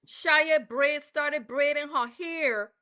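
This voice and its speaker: This woman from the West Indies hosts a livestream, recapping court testimony in a casual, rambling way and correcting herself often. Her voice is high, bright and pushed, and she takes her time.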